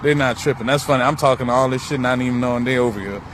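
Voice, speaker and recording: A man's voice: medium pitch, fast talker. Profane man musing by a busy road. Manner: profane, slangy, musing on spirituality; repeats himself, drifts between thoughts. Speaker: vlogger. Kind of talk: rambling outdoor monologue. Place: outdoors beside a busy road. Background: faint passing traffic.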